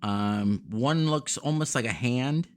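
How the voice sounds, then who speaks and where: Guy game master improvising narration, stops and rephrases a lot, average pitch, bit of noise behind. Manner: halting, self-correcting. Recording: faint background noise.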